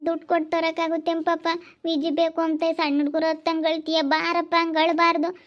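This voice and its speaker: A woman's voice: very high-pitched, flat delivery, fairly quick, muffled recording. A woman with a rural Chitradurga Kannada accent playing an older village mother who coaxes and soothes with repeated pleas in a village family drama. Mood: consoling. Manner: coaxing, repetitive soothing.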